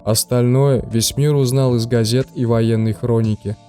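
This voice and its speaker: A man narrating a video game's story from a script in a measured storyteller's way. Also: mid-range voice, fairly even intonation, warm tone, soft background music.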